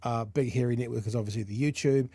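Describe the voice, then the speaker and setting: A dry, close recording of a man with a New Zealand accent. He hosts a live talk show in casual chat, with a medium-pitched voice. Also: fast, dark tone, dry recording.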